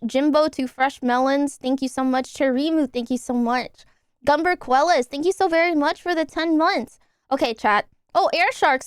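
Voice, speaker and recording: Bubbly high-voiced young woman streamer. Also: no room sound, studio quality. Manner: chatty, upbeat, bubbly when thanking subscribers. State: recovering from nose surgery, swollen. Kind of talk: casual live-stream chat.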